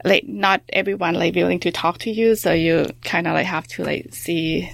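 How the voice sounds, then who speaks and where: A woman with a Thai accent, a researcher answering interview questions in a halting way, full of fillers and restarts. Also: on the low side, fairly even intonation, vocal fry, no echo. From Thailand. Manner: halting, many fillers and restarts, soft-spoken. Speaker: researcher guest.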